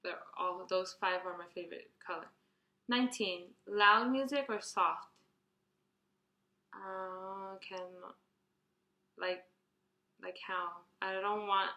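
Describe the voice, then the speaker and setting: Bright, chatty young woman in her twenties. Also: lowish voice, echoey room. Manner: chatty, rambling, restarts and fillers, reads questions out brightly. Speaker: beauty vlogger. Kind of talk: casual Q&A tag video.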